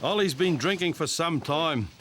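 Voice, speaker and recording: A New Zealand man delivers scripted reality TV narration. His voice sits a little higher than average. Clear street and traffic noise runs underneath. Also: expressive, normal speed, fairly bright tone.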